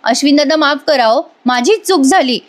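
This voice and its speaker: A woman's voice: sits high, lively intonation, normal speed. A woman doing a meek, tearful housemaid. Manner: apologetic, pleading.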